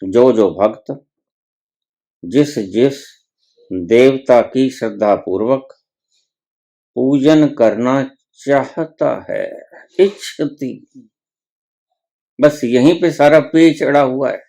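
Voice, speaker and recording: A man's voice: medium pitch, takes it slowly, pauses often, warm tone. A man giving a spiritual discourse, reciting scripture verses and explaining them with rising emphasis. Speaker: spiritual teacher.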